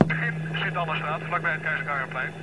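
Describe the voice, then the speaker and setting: A man on a helicopter crew making radio calls over a two-way radio, pausing often with "eh" between phrases. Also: a little high, far from the mic. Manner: hesitant, with frequent "eh"s between phrases. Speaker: police helicopter crew member. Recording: loud noisy radio transmission.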